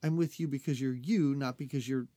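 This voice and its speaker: A woman co-hosting a podcast, recapping an episode in casual chat, animated, laughing often and acting out characters' lines. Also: very deep voice, brisk, dry recording. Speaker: podcast co-host.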